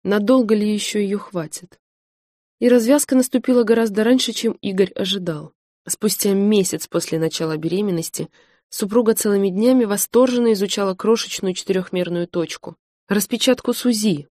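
A woman narrating an audiobook novel in an even, measured storytelling manner. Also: mid-range voice, no room sound, studio quality. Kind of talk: scripted narration.

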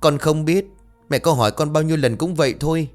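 A man voicing a proud, stubborn eighteen-year-old village girl, high and pleading. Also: animated, fairly quick, faint music behind, natural voice. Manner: high and pleading, breaking into defiance.

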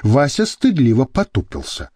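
A man narrating an audiobook in a lively, expressive way. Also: mid-range voice, normal speed, dry recording, clean studio sound. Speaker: audiobook reader. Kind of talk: scripted narration.

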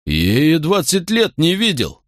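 A drunk Roman centurion from an audiobook, slurring slowly through tears and flaring into rage, played by a male narrator. The delivery drags, and the sound is close and dry. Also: medium pitch, sing-song, dry recording. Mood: drunk, tearful. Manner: slurred, slow and tearful. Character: drunk weepy Roman centurion, hot-tempered.

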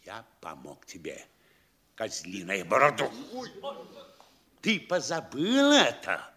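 Gloating and scolding, a pompous provincial bully of a mayor is brought to life by a male actor in a Russian comedy audio play, his tirade moving theatrically from sly hush to bellow. The mid-range voice is husky and slow, with huge pitch swings and a heavily acted delivery.

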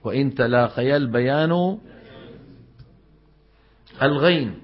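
Teaching a class Quran recitation, a man explains things in casual dialect and chants example words slowly. His voice is mid-range, and the recording has its highs cut off.

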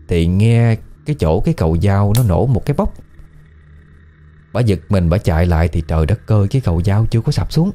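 A man with a low, very dark and mellow voice and a Southern Vietnamese accent tells a spooky tale in a colloquial, chatty way. His pitch rises and falls with plenty of life, and soft music plays faintly behind him. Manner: conversational, colloquial, lively storytelling. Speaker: storyteller. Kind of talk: casual spoken ghost story narration.

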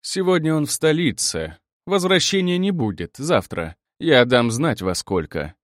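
A man's voice: fairly high pitch, sing-song, unhurried, dry recording, pitched above the performer's own voice. Man doing tired officer, clipped phone talk, middle-aged, audiobook, dry sound. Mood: weary.

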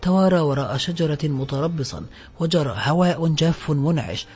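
Husky male audiobook narrator. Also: on the high side, lively intonation, darkish tone. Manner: measured literary reading. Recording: dull lo-fi with faint music.

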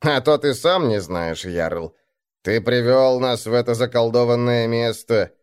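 A man's voice: medium pitch, measured pace, clear, resonant tone, lightly acted. A man voicing a grumpy, sarcastic old male Viking warrior in an audiobook. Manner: cranky, sneering.

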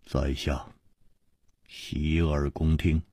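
A calm, clever swordsman hero in a radio story answers low and quiet, as a male storyteller puts him on. The voice is husky and unhurried, and it sounds dry and close. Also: no echo, heavily acted.

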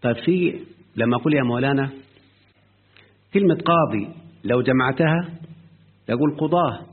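Through a tinny lo-fi line that resembles a phone, a husky, medium-pitched man with an Egyptian Arabic accent explains grammar. He quizzes his student frequently and quotes in a slow, drawn-out manner.

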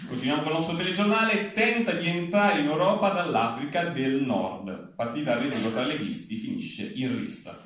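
Reading at a moderate pace with few pauses, this fairly high-pitched man has a somewhat bright tone as he performs a satirical news bulletin on stage. His emphatic newsreader style drops into each punchline. The live reading event's big hall leaves the recording very echoey, distant, and faintly noisy.

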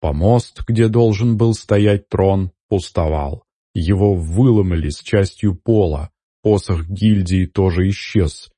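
A man narrating a fantasy story in a steady, measured, dramatic reading. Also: sits low, slightly rough, dry recording. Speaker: audiobook narrator.

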